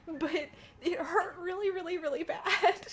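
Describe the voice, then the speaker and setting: A woman hosting her own stream from a desk at home, chatting casually, excitable and giggly, swearing freely. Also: very high voice, unhurried. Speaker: streamer host.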